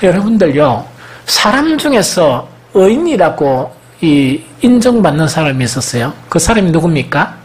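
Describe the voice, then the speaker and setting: Animated male pastor with Gyeongsang accent. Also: sits high. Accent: Gyeongsang Korean. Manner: animated preaching with frequent rhetorical questions to the congregation. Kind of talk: sermon.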